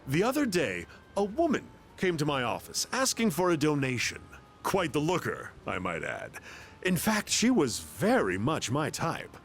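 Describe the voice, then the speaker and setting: In a theatrical video game monologue, a man voices a smug, greedy middle-aged businessman who oozes oily charm and flaunts his wealth. His voice sits on the high side with huge pitch swings at a moderate pace, over a faint hiss or hum.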